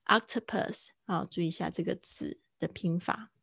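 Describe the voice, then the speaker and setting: Gravelly low-voiced woman teaching vocabulary. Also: fairly bright tone, dry recording, clean studio sound. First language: Mandarin. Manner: chatty, repeats words slowly to model pronunciation. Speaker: English teacher. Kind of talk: live-streamed vocabulary lesson.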